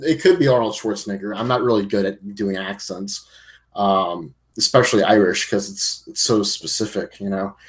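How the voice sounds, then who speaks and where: A man's voice: on the low side, normal speed. Rambling man in casual podcast chat. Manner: rambling, circling back mid-sentence. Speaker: podcast co-host. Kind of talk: casual chat recapping a film.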